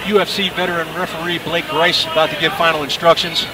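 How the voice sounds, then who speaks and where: A man's voice: fairly high pitch, level tone, fast talker. A man giving live MMA commentary in a conversational, descriptive way. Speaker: play-by-play fight commentator. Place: live fight venue. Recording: distant mic, loud music and crowd. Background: music and crowd.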